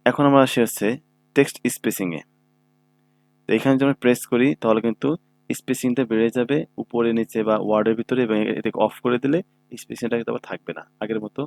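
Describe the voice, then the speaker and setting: A man's voice: mid-range voice, creaky, darkish tone, a little hiss or hum. A man giving a screen-recorded computer tutorial, explaining each step patiently and often checking that listeners follow. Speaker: computer instructor. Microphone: own microphone.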